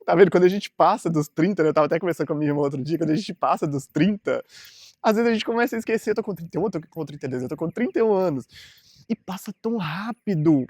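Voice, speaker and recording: A man's voice: sits high, a little mellow, no echo. Earnest Brazilian man in his thirties. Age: 30s. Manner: earnest, rambling, frequent fillers. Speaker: vlogger. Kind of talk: casual motivational monologue to camera.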